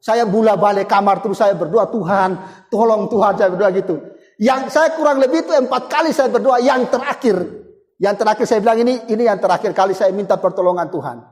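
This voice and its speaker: A man preaching, his voice sitting very high for a man. He tells his testimony in a relaxed, conversational way, with a long reverb trailing each phrase through the hall. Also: fast talker. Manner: conversational, storytelling with acted quotes and chuckles. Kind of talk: sermon with personal testimony.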